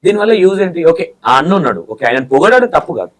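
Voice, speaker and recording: A man's voice: fairly high pitch, sing-song, fast talker, very noisy. A man, bluntly pressing and scolding his interview guest with pointed questions. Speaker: interview anchor.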